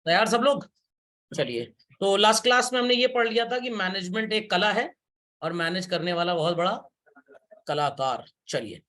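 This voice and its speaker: A man's voice: high voice, bright, forceful tone. A man teaching a class, leading his students through the lesson with everyday examples. He says the important points more than once for emphasis and keeps stopping to check that everyone is following along. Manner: repeats key points for emphasis. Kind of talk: classroom lecture.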